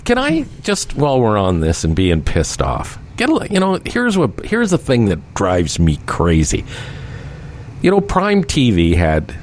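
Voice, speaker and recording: A male co-host whose pitch swings widely as he vents. He talks in a loose, chatty way and grows more exasperated as he goes. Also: unhurried, slight background noise. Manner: exasperated ranting, animated. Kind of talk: casual radio chat.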